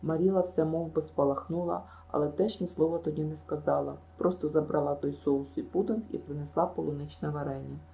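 A woman's voice: low voice, steady tone, brisk, creaky, few pauses, warm tone, roomy sound, rough recording. A woman reading an audiobook, voicing a chatty, imaginative girl who tells her misadventures in a gushing rush. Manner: breathless, gushing storytelling.

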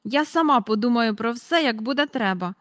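A woman voicing a tiny, very old shopkeeper woman with a squeaky voice, in a read-aloud storybook. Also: expressive, normal speed, dry recording, clean studio sound, lightly acted. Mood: mocking. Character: tiny ancient shrill old woman shopkeeper, sharp-tongued.

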